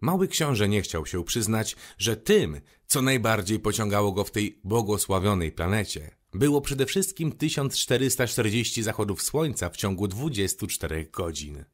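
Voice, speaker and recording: A man narrating a storybook with expressive, gentle storytelling. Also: fairly low pitch, moderate pace, few pauses. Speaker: audiobook narrator.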